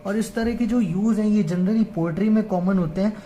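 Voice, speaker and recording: A woman's voice: medium pitch, mellow, a little hiss or hum. A woman teaching grammar in Hindi, patient, often checking in with her listeners. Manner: patient, repeats "ठीक है" and "है ना" often; reads English lines slowly, word by word. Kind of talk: explaining an English grammar lesson in Hindi.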